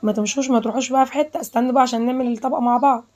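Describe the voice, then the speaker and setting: Fast-talking Egyptian woman cooking host. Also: on the high side, steady tone, darkish tone. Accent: Egyptian Arabic. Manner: chatty, repeats herself, addresses viewers directly. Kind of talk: casual cooking tutorial.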